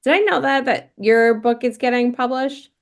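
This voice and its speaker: A bubbly woman chats on a video call in a slightly high voice. She laughs often and sounds enthusiastic. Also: normal speed. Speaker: group member. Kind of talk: casual video call chat.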